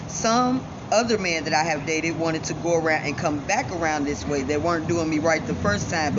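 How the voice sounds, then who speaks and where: A woman from giving a defiant, self-assured personal monologue straight to viewers, her speech shaped by missing front teeth. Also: low voice. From Chicago, United States. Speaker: vlogger. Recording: dull lo-fi sound, loud ambient noise.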